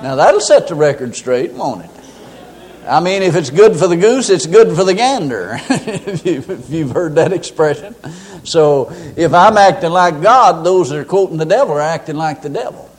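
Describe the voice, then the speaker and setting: Man preaching in church, fairly high voice, animated delivery, homespun jokes. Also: normal speed. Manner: folksy, humorous storytelling. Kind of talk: sermon.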